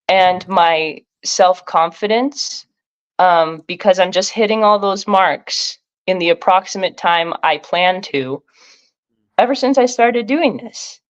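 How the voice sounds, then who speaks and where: Woman guest on dull remote audio. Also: mid-range voice. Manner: reflective, with many fillers. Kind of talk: casual live-stream conversation.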